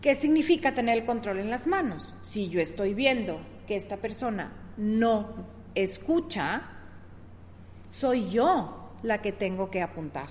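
A woman's voice: medium pitch, very animated, measured pace, darkish tone, big-room sound, a little hiss or hum. A middle-aged woman who explains ideas in a conversational teaching style, working through examples and often checking "¿sí?" with her listener.

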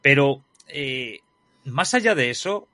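A man co-hosting a casual film review chat, animated and repeating his points for emphasis. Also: mid-range voice, slow pace, no echo. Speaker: podcast co-host reviewing a film.

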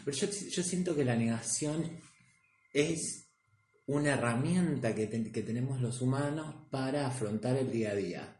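Young Argentine man, Rioplatense accent, middle pitch, reflective casual talk, echoey room. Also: moderate pace, darkish tone. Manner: reflective, agreeable, complains with mild exasperation. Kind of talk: casual chat. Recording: roomy echo.

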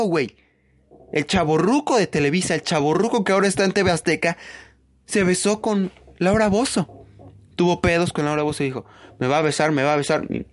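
A man with a Mexican Spanish accent in a profane, rambling, mocking comedic monologue. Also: mid-range voice.

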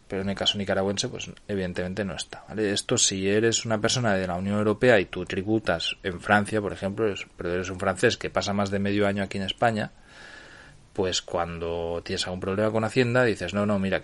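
Low-voiced Spaniard explaining things. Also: male voice. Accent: Spain Spanish. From Barcelona, Spain. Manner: explanatory, checks in with listeners by asking "right?". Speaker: podcast host. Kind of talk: solo podcast monologue.

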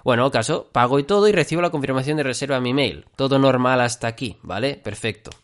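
A man from hosting a casual solo podcast, rambling and often tacking on quick check-ins with his listeners. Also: mid-range voice. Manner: rambling, full of fillers and "¿vale?" check-ins. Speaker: podcast host.

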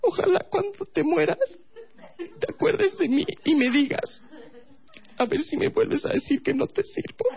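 A man voicing a panicky, whiny young girlfriend in a shrill falsetto during a stand-up bit. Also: animated, unhurried, creaky, long pauses, lo-fi sound, slight background noise, exaggerated voice. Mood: indignant.

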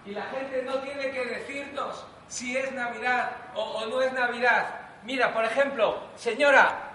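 A man playing a business coach in a comedy sketch, preaching loudly and exclaiming. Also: very high voice, steady tone, measured pace, reverberant, distant mic, slight background noise, low-quality recording.

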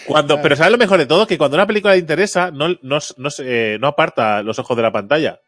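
A man co-hosts a relaxed podcast, telling anecdotes with lots of animation and laughter. He voices the people in his stories, and his voice sits a little high. The sound is dry and close, with faint music behind him. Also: fast talker, no room sound. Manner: animated storytelling, acts out quotes, laughs often. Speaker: podcast co-host. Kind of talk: casual chat.

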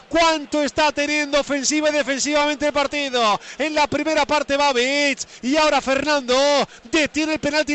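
A man commentating on football in a breakneck, impassioned goal-call style, shouting drawn-out repeated cries and names. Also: extremely high pitch.

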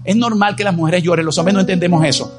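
Male pastor, high-pitched, delivering an emphatic sermon over faint music. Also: fairly even intonation, quick pace. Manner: emphatic preaching with rhetorical questions and exclamations; married.

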